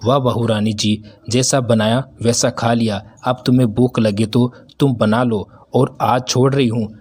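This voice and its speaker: A man's voice: medium pitch, steady tone, measured pace, darkish tone, slightly rough. A man voicing a stern, bossy Indian mother-in-law. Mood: scolding. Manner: scolding, commanding. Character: stern middle-aged mother-in-law, bossy then remorseful.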